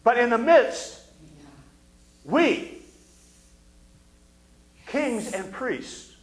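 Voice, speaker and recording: An older man preaching a fervent sermon from a church pulpit, often sinking to low, intense tones between amens. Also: fairly bright tone. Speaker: pastor. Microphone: pulpit mic. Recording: echoey sanctuary.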